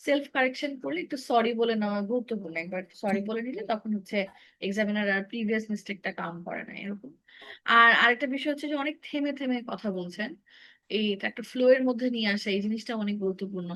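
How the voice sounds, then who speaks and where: A woman's voice: on the high side, fast, a bit bright, rough recording. A woman teacher giving direct, corrective feedback on a student's English speaking in an online class.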